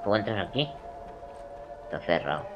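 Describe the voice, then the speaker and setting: A man, doing let's play commentary over a video game, jokey and swearing, muttering then suddenly shouting. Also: fairly low pitch, expressive, normal speed, muffled recording, over music. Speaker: gaming video creator.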